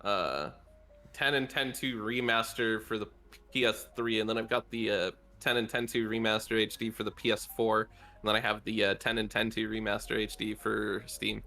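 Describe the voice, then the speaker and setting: Man, casual podcast guest, gravelly and bright, giggly, rambling. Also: lowish voice, steady tone, normal speed, faint music behind. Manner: giggly, rambling with many restarts. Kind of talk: casual chat.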